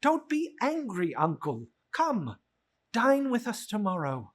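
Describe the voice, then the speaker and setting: Performer doing an earnest young nephew, animated and husky. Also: medium pitch, slow pace, pitched above the performer's own voice, heavily acted. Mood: pleading, good-natured. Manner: earnest, exclamatory, theatrical. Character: cheerful, earnest young nephew, warm and pleading. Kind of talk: dramatic reading of a classic story.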